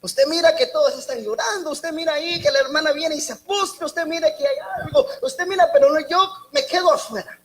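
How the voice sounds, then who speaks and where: A woman delivers a church sermon in a high, bright voice. She talks haltingly, repeating and restarting words as she goes. She breaks into lively, joking asides between her points. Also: rough recording. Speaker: preacher.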